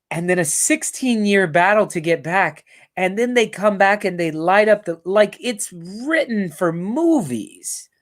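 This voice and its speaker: A man from the New Orleans area hosting a live football fan show, talking in a rambling, profane, casual way and reading viewer comments aloud. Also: high-pitched. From New Orleans area, United States. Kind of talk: casual live-stream chat.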